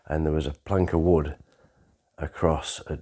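A man, telling his life story in a rambling, conversational way with pauses and restarts. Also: very deep voice, flat delivery, dark tone, slightly rough. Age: 60s. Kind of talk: unscripted autobiographical storytelling.

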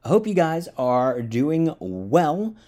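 A man's voice: a little high, very animated, slow, dark tone. A man from the South, hosting a casual solo podcast from his apartment, rambling with fillers and chuckles, a bit tired. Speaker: podcast host. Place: studio apartment.

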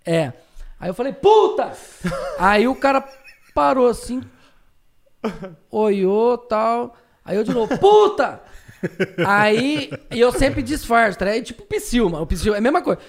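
A man telling profane, slang-heavy anecdotes as a streamer guest in a casual podcast chat, with sudden shouted outbursts. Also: very high voice, lively intonation, unhurried, vocal fry, long pauses.

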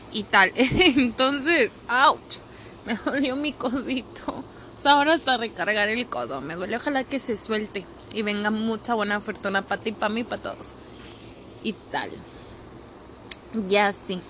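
A woman's voice: a little high, bright, forceful tone, a little hiss or hum. A woman with a Mexican accent talking casually in a candid, rambling personal monologue, feeling unwell and tired, swearing now and then. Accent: Mexican Spanish. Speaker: podcast host.

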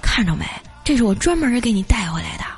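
A woman voicing a stingy, boastful male coworker who talks smugly and excitedly. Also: fairly high pitch, quick pace, over music. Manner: smug, excited.

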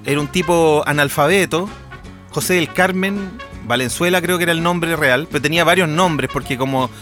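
Soft music plays behind a Chilean podcast co-host whose voice is a little high and whose pace is normal. He's an animated storyteller, chatting casually about movies and voicing characters as he retells scenes.

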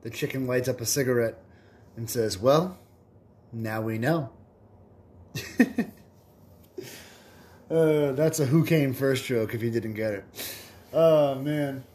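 A laid-back male podcast host telling dirty jokes in a loose, rambling manner. He chuckles at his own punchlines, and his voice sits at a middle pitch. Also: measured pace, long pauses, dark tone. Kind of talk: casual joke telling.

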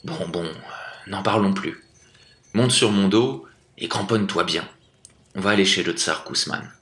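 A man's voice: deep voice, unhurried, pushed and bright. A man voicing a big grey talking wolf, a stern but loyal helper who scolds and then forgives, in a storybook reading. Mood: calm. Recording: echoey room.

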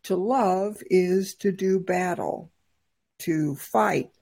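A woman co-hosting a discussion podcast, speaking slowly and deliberately and stopping often to gather her words. Her voice is dark and gravelly, with a husky edge. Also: lowish voice. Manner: measured, thoughtful, with frequent fillers. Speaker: podcast co-host.

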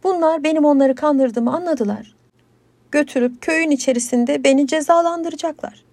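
A woman's voice: sits high, moderate pace, darkish tone, no echo, pitched above the performer's own voice. A woman voicing an anxious, crafty old male villager, nervous and flustered in a folktale. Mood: panicked.

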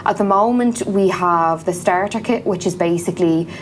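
A woman's voice: fairly low pitch, moderate pace, a little hiss or hum. A woman with an Irish accent chatting informally as an interview guest, explaining things in a casual, conversational way. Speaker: podcast guest, small business founder.

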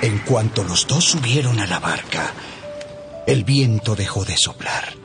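A man narrating a Bible audiobook in a measured, expressive storytelling manner. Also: on the low side. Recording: narration over background music.

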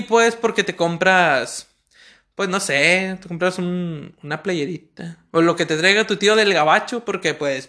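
High, bright-voiced Mexican man joking. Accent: Mexican Spanish. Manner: joking, slangy and rambling. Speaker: podcast host. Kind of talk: comic storytelling monologue.

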